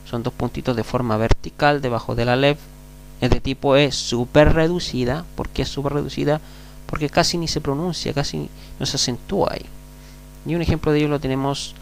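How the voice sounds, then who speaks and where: Patient Chilean male teacher, mid-pitched gravelly voice, faint electrical hum under the recording. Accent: Chilean Spanish. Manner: patient, repeats words slowly, asks "mm?" to check. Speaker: Hebrew teacher. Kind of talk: classroom lecture.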